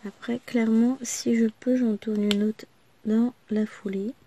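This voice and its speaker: Fairly high-pitched and mellow, this woman speaks a little slowly with fairly even intonation, over slight background noise. A vlogger, she chats loosely to her viewers with many asides, her voice occasionally cracking since she lost it.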